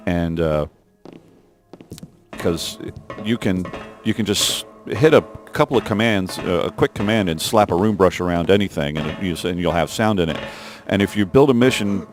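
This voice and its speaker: Soft music plays behind a deep-voiced man who talks at a moderate pace, giving let's-play developer commentary over a mission he designed. His talk rambles, with plenty of fillers and restarts.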